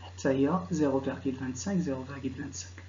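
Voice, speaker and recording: A man with a Moroccan Arabic accent, a teacher going through exam questions. He reads each question out slowly, then explains it in quick dialect. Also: mid-range voice, mellow, muffled recording. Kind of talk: exam correction lesson.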